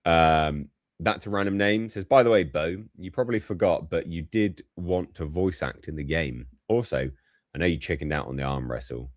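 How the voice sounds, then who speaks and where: A man's voice: deep voice, normal speed, no room sound, clean studio sound. A man co-hosting a casual chat show, laid-back, laughing often and reading viewer comments aloud.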